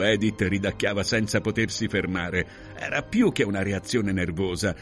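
A man narrating a novel in a measured, expressive voice. His pitch sits low but moves in lively curves. Soft music plays faintly under the reading. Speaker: audiobook reader. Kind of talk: literary audiobook narration.

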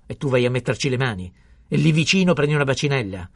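A pompous village pharmacist scolding at the top of his voice, as a man reading an audiobook puts him on. His voice is raised well above a normal speaking pitch, with a gravelly, husky grain. The recording is dry and close. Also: flat delivery, normal speed, no echo, exaggerated voice. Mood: furious ranting. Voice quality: shouting, scolding, indignant. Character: irate pompous male village pharmacist, middle-aged. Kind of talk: audiobook character voice.

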